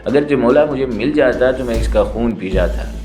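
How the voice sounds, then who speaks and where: A man narrating a spy novel in the first person, in a steady, dramatic storytelling manner. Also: mid-range voice, faint music behind.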